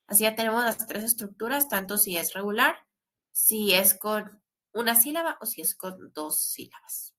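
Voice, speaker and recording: A woman's voice: medium pitch, lively intonation, moderate pace, bright, forceful tone. A woman teaching English grammar in a recorded class. She explains step by step and often adds a questioning tag.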